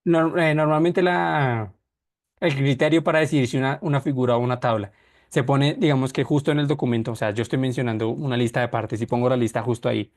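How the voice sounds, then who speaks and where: A man's voice: medium pitch, steady tone, fast talker. A man teaching an online class, explaining step by step with many restarts and self-corrections.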